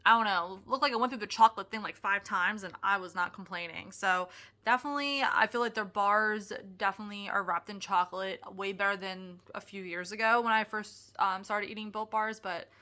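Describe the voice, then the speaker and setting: Bright-voiced chatty young woman. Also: mid-range voice, brisk. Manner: chatty, excitable, lots of "like" and restarts. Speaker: product reviewer. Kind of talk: casual review vlog.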